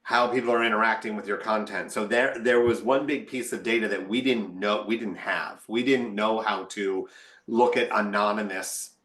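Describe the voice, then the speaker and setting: A man's voice: fairly low pitch, fairly even intonation, normal speed, a bit bright, reverberant. A man, a marketing executive, answering on a webinar panel in a candid, wry way, thinking aloud.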